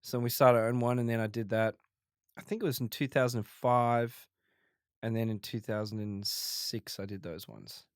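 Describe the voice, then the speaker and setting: A comedian in his forties, appearing as a guest, wanders through casual interview stories with plenty of restarts and filler words, his Australian accent hinting faintly at South Africa. He talks at medium pitch and normal speed, recorded cleanly in a studio with no room sound.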